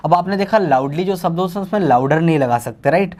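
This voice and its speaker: A man teaching English grammar, explaining slowly and translating each example sentence, often calling his viewers "bhaiya". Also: on the high side, a little mellow. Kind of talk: Hindi-English grammar lesson.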